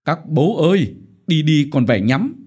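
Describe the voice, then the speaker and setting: Man doing an older village gambler, bantering, wailing, higher voice, lively rise and fall, audiobook. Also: a little slow, husky, heavily acted. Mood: joking. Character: older male village gambler, joking and tearful.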